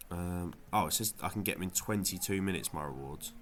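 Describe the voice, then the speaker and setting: His deep voice comes through brisk and nasal, since he's got a cold, with a faint hiss or hum on the recording. It's a laid-back fantasy football vlog where he rambles, restarting sentences and filling gaps with ums.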